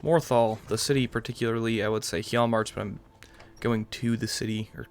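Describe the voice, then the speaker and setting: This gaming YouTuber is a weary young adult giving low-key, meandering let's-play commentary late at night. He talks briskly in a lowish, fairly even voice, with a little noise in the background.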